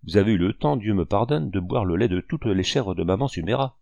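A man's voice: on the low side, lively intonation, brisk, gravelly, a little mellow, no echo, highs cut off. A man reading a bluff good-natured hunter. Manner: bluff, jovial. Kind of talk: audiobook reading.

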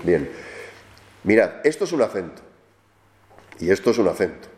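Man, lecturer, fairly low voice, explains patiently with question tags, roomy lecture-room echo. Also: big pitch swings, normal speed, a little mellow. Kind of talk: classroom lecture.

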